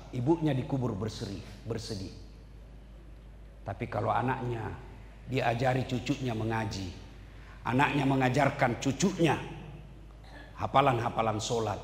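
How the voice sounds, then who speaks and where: Animated male preacher. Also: mid-range voice, slight background noise. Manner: animated, swings between loud and hushed. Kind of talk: sermon. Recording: echoey hall with faint ambience.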